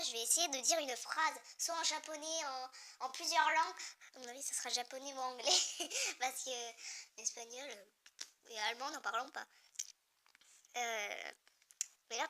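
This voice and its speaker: A young woman excitedly reacting to a comic chapter, reading panels aloud, swearing and laughing often. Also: high voice. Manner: excitable, swears freely, bursts into frequent laughter; reads the characters' lines in her own plain voice. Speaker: manga reader reacting to a new chapter.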